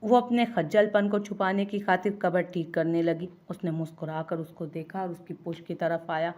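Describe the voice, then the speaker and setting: A woman storyteller reading a romantic novel aloud in a steady, expressive way. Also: fairly low pitch, normal speed.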